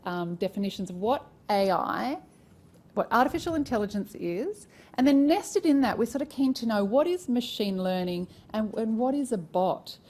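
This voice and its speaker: A woman moderating a live panel, addressing the audience and putting questions to the speakers. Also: on the high side. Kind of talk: live event hosting.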